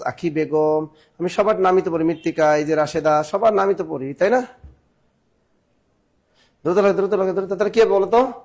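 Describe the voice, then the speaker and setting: A man teaching grammar in a live online class, urging students to answer fast and joking between questions. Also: on the high side, a little mellow. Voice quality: sings snatches of songs in class.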